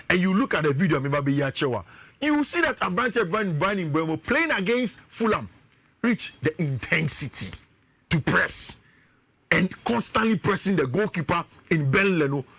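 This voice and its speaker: A man with a Ghanaian accent, a sports pundit giving energetic, analytical talk on a radio show and mixing in local phrases. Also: high voice, dry recording.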